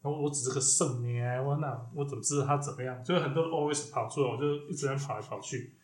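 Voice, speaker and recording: A man, a diviner hosting a podcast, telling a story in an animated, casual way. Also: mid-range voice, fast talker, reverberant. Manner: animated, lively retelling with quoted exclamations.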